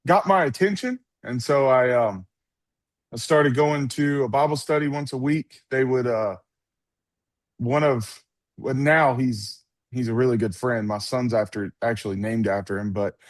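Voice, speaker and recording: A man from North Alabama with a Southern US accent, a preacher talking as a guest in a deadpan, playful way. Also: mid-range voice, unhurried, no echo. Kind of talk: casual interview talk.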